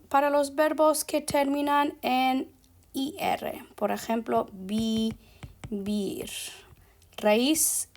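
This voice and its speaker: A woman teacher talks through verb endings at a very slow, careful pace. Her voice sits a little high for a woman. She slips English fillers like "so" and "ok" into her explanations. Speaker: Spanish teacher.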